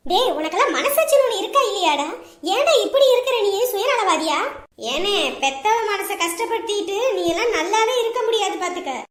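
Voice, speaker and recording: A scolding, lamenting mother-in-law, played by a woman, who berates her son at length. Her voice is very high and shrill. It is recorded in a roomy, echoing space. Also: lively intonation, fairly quick. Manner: loud scolding, dramatic lamenting. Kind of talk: comedy skit acting. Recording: roomy echo.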